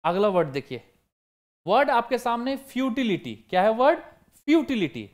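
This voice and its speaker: A man's voice: extremely high pitch, sing-song, moderate pace. A man teaching vocabulary for exam prep, asking the class questions and answering them himself while repeating the key words. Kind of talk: online vocabulary lesson.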